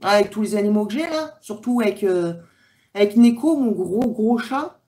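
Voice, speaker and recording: A woman's voice: medium pitch, expressive, moderate pace, warm tone. A woman from France, chatting casually with viewers on her livestream, rambling with many fillers. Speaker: livestream host. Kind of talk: casual live chat reading comments.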